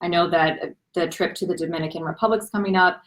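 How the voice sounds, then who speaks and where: A young woman with a fairly low voice talks fast with fairly even intonation while interviewing a guest on a casual live stream. She's friendly, affirms a lot, and asks long, multi-part questions.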